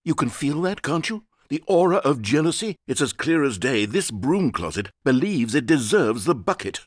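A man's voice: mid-range voice, very animated, moderate pace, slightly rough, dry recording. A man voicing a sardonic, condescending narrator in a video game, with dry, mocking delivery. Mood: mock dramatic.

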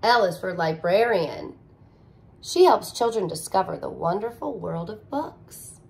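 A teacher reads a children's picture book aloud, unhurried and close to the camera, indoors in a living room with a couch. Her lively, strongly rising-and-falling storybook intonation carries some vocal fry, she slips in soft asides between pages, and the audio is poor.

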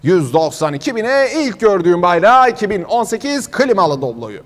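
A man calls an auction in a strikingly high-pitched voice. He repeats bids in a chant-like auctioneer's manner, and long reverb from a hall trails his words. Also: sing-song, moderate pace. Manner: repetitive chanting bid calls. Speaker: car auctioneer.

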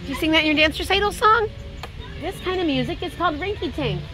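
A cheerful woman from Philadelphia filming a family vlog at an outdoor playground, excitedly coaxing her kids along. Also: very high voice, fast. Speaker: mother filming a family outing. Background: music playing.

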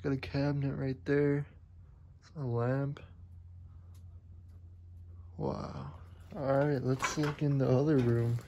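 A man exploring an abandoned farmhouse on a handheld phone camera, commenting on what he finds in a curious, low-key way. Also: little pitch movement, slow pace, gravelly, pauses often, mellow, a little hiss or hum, poor audio. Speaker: urban explorer vlogger. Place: abandoned farmhouse and yard, indoors and out.

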